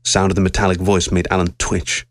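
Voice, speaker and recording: A man narrating a science-fiction story aloud with steady, measured storytelling. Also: low voice, no room sound, clean studio sound.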